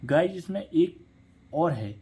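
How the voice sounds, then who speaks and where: Man, English pronunciation teacher, slow speech, spells words letter by letter, patient repetition. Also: a little high, expressive, warm tone, breathy edge. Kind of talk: spelling lesson, letters read out slowly.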